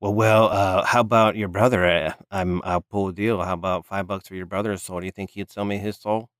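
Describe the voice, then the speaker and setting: A man voicing an odd, pestering schoolgirl who buys souls, in a breezy sales-pitch manner. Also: steady tone, brisk, fairly bright tone, no echo, studio quality. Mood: wheedling.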